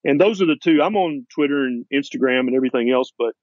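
Male interview guest, doctor, Tennessee accent. Emphatic and folksy, mid-pitched, close dry sound, a little lo-fi. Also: quick pace, no echo. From Tennessee, USA. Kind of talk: conversational interview.

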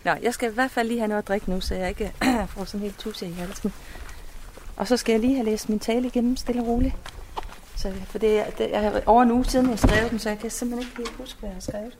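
A woman's voice: on the high side, fairly even intonation, darkish tone, a little hiss or hum. A woman chatting casually as she plans aloud. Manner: chatty, talks while planning. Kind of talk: casual chat.

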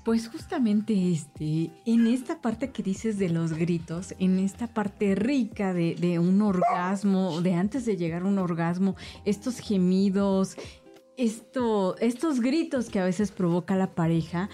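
A woman co-hosting a casual podcast, asking playful questions in a relaxed way. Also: medium pitch, slow, music in the background. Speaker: podcast co-host. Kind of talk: casual chat.

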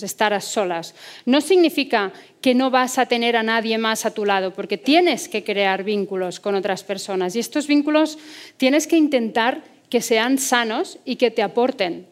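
Psicóloga española seria y algo aguda. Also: female voice, fairly high pitch. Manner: earnest, rhetorical questions. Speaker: psychologist giving a talk. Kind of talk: motivational talk.

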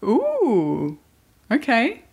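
A woman's voice: a little high, wildly swooping pitch, extremely slow, a little mellow, slightly rough. An Australian woman hosting a podcast in a casual, chatty style. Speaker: podcast host.

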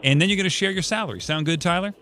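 A man hosting a morning radio show, joking and talking fast in casual banter. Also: high-pitched, sharp tone, faint music behind.

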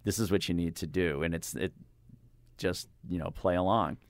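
An older man, a radio interviewer, talking in a rambling, halting way with lots of fillers and restarts. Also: sits low, no room sound, clean studio sound. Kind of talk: casual interview chat. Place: radio studio. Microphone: studio microphone.

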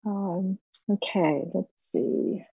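A woman's voice: mid-range voice, very slow, gravelly, slightly rough, dry recording, lo-fi sound. A woman chairing a meeting informally, calling on people to speak.

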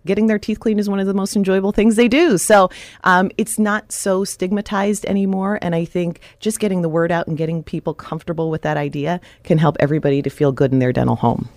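A woman talking about dental health as a guest on a radio show, in a steady, informative and upbeat way. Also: lowish voice, fast, no room sound. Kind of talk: radio interview.

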